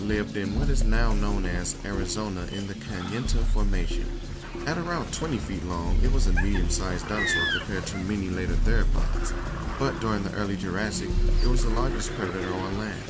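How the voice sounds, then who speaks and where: A man playing a calm, genial safari guide, giving measured and informative scripted ride narration. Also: lowish voice, close to an everyday voice. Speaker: tour guide. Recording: loud music behind voice. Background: music.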